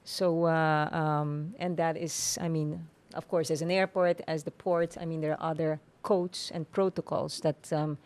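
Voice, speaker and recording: A woman with an Aruban accent explaining things formally and in measured, hesitant phrases as an interview guest. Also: low-pitched, little pitch movement, a little mellow. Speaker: tourism authority official, interview guest.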